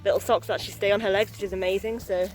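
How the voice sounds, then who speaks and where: A woman's voice: mid-range voice, fairly even intonation, rapid-fire, over music, low-quality recording. A young adult woman chatting candidly and in a rambling way for a casual vlog while out walking outdoors. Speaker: vlogger, new mother. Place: outdoors on a walk.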